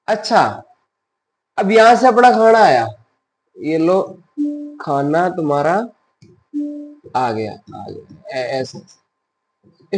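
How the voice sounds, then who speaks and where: A high-pitched man teaches a biology lesson, mixing in English science terms. He asks his class questions and then answers them himself in a softer voice.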